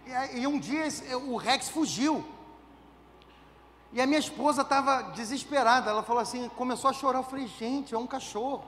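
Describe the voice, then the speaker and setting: A man's voice: extremely high pitch, moderate pace, a bit bright, long reverb tail, a little hiss or hum. A man, a pastor preaching a conversational sermon full of rhetorical questions and humor. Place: church.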